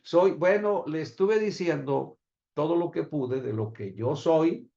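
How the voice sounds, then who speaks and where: Animated Mexican pastor teaching a class. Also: male voice, on the high side, measured pace, creaky, dull audio. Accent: Mexican Spanish. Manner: animated, acts out dialogue with shifting voices.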